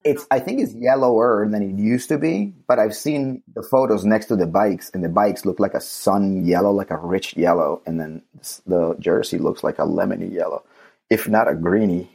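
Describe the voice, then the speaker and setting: A man's voice: low-pitched, moderate pace, vocal fry, a little mellow, breathy edge. A man co-hosting a casual podcast chat, talking emphatically and laughing easily. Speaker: podcast co-host.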